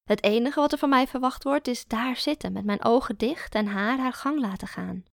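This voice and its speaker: A woman narrating a first-person story in a calm, even storytelling manner. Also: fairly high pitch, moderate pace, creaky, no room sound, studio quality. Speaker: audiobook narrator.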